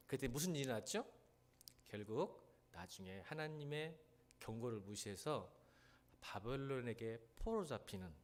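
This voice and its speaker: A middle-aged man preaching with a Jeolla Korean accent. His voice leaps up and down in pitch as he moves from near-whispered pleading to loud, emphatic questions thrown at the congregation. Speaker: pastor. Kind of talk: sermon.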